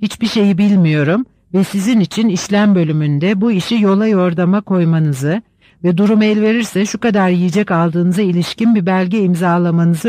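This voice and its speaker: Brief: calm, sly commander voiced by a male reader, measured advice, high voice. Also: dry recording, natural voice. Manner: measured, advising.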